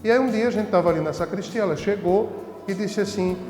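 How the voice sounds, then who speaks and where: Priest, high voice, echoey. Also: male voice, fast, darkish tone, faint music behind. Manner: laughs easily while telling funny stories. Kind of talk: casual storytelling. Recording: echoey room with long reverb.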